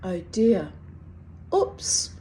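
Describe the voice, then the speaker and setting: A middle-aged woman with a strong New Zealand accent reads her own personal writing aloud in a wry, deliberate, dramatic way. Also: mid-range voice, very animated, mellow, slight background noise. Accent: strong New Zealand (Kiwi). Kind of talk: expressive reading of personal confessional prose.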